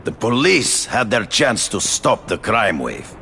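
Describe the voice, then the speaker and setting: Proud big-game hunter, hammy stage delivery, slow, heavy vocal fry, video game. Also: male voice, lowish voice, big pitch swings, sharp tone, a little hiss or hum, full character voice. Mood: stern, forceful. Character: proud, theatrical male big-game hunter turned vigilante.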